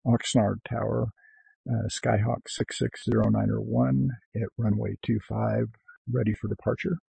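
A man's voice: on the low side, flat delivery, normal speed, creaky, warm tone, a little hiss or hum, rough recording. A man speaking as a pilot making radio calls to controllers, somewhat hesitant.

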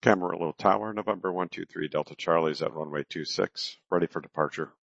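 A man's voice: low voice, fast talker, creaky, fairly bright tone, no echo. A man talking as a pilot over a cockpit headset radio, making clipped, methodical radio calls and readbacks with small hesitations. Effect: pilot transmitting over a cockpit headset radio. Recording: dull, dry radio transmission.

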